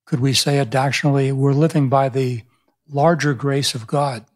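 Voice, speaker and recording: With a mid-range voice, fairly even intonation and normal speed, a man in his 70s who is a pastor and author shares stories in a reflective interview conversation. He's thoughtful and often restarts sentences, and he's recorded in a small indoor room on a boom-arm studio mic.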